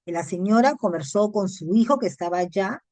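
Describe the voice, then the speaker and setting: A woman's voice: mid-range voice, animated, a little fast, a little mellow, dry recording. A woman psychologist with a Peruvian Spanish accent lectures at a conference. She speaks in a mid-range voice and keeps it conversational, checking in with tag questions and repeating words as she thinks. The recording is dry and close, with little room sound.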